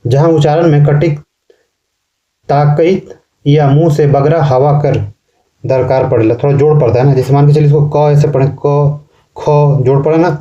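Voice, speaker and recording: A man teaching a class in slow, repetitive explanations, often ending sentences with a questioning tag. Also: on the high side, steady tone, dark tone, highs cut off. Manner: explains slowly, repeats words and ends sentences with a questioning "ना". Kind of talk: classroom lecture.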